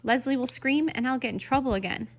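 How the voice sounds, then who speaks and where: A woman's voice: high-pitched, quick pace, voice pushed up. A woman voicing a stubborn but tempted schoolboy in a storybook reading. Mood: protesting. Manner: protesting, earnest.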